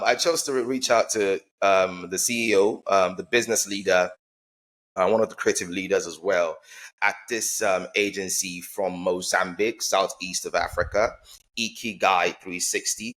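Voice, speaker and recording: A low-voiced man hosts an interview. He rambles, loading his sentences with fillers and restarts before he gets to the point. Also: steady tone, normal speed, fairly bright tone. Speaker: podcast host. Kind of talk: conversational interview.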